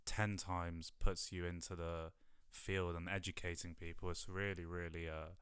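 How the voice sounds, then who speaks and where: A man's voice: deep voice, level tone, normal speed, fairly bright tone, clean tone. A man interviewing a musician in a casual, playful way, with teasing asides.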